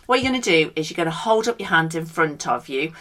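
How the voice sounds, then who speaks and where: A woman's voice: low voice, animated, quick pace, a bit bright. A woman leads a casual guided breathing lesson, talking the listener through steps in a playful, encouraging way. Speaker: breathing exercise instructor.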